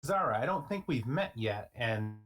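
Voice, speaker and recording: A man's voice: medium pitch, animated, normal speed, fairly bright tone. A man playing a tabletop game online, politely introducing himself in character while his voice keeps cutting out over a bad call connection.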